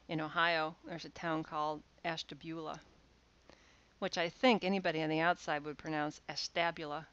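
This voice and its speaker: A woman's voice: deep voice, fairly bright tone, clear, resonant tone, highs cut off. A woman lecturer giving a recorded university course lecture over slides, explaining step by step with frequent "uh"s and restarts.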